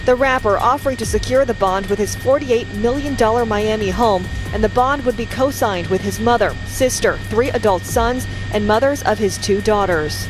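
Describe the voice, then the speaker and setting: A woman's voice: fairly high pitch, normal speed, few pauses, music in the background, poor audio. A woman reading a scripted report as a television news reporter.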